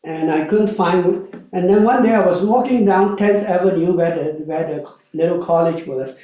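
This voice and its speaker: In an echoey church hall, a lay preacher from Malaysia in his sixties delivers a storytelling sermon in a chatty style, often adding "uh" and "right?" along the way. His high voice keeps a moderate pace, and the distant mic leaves the recording dull.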